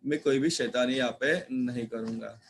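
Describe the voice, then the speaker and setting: A man's voice: mid-range voice, normal speed, slight background noise. Male teacher asking questions. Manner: questioning, repeats key words. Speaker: school teacher. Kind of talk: online class lesson.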